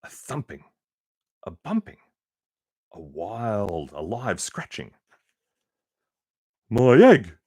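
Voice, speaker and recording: A man reading a children's picture book aloud with expressive, unhurried storytelling and casual asides. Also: low voice, slightly rough, dry recording, clean studio sound. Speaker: reader.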